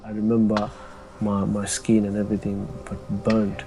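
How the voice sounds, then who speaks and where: A young man, telling his own story in a halting, soft-spoken way with many pauses and restarts. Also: fairly low pitch, monotone, music in the background. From Bangladesh. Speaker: interviewee. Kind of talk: personal testimony.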